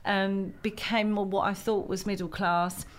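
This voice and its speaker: Woman comedian from Kent, chatty guest, laughs easily, mid-pitched. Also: level tone, a little slow. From Chatham, Kent, England. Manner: chatty, giggly, with many ums. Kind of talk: casual podcast chat.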